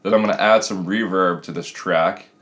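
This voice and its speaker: A man's voice: low voice, fairly even intonation, normal speed, a bit bright. A man in his thirties talking casually and explaining step by step as a music production tutor, recorded in a small home room.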